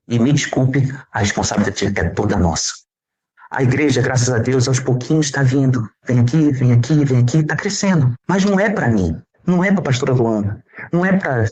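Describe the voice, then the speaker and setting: A man's voice: a little high, breathy edge. A man with a Brazilian Portuguese accent preaching a sermon, emphatic and full of rhetorical questions.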